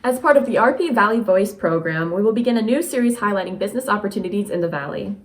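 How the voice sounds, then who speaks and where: Woman narrating local news at medium pitch. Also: animated, quick pace. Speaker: community news presenter.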